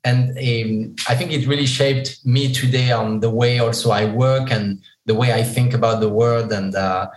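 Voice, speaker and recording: A man's voice: medium pitch, steady tone, moderate pace, hardly any pauses. French-accented man, thoughtful, echoey room. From southeast France. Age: 40s. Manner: thoughtful, hesitant with many fillers and restarts. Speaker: guest, e-commerce executive. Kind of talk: casual interview chat.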